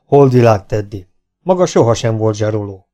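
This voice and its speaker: A man's voice: fairly low pitch, animated, dark tone, highs cut off, natural voice. Stern gray-haired army colonel, blunt, fearless, read by a man.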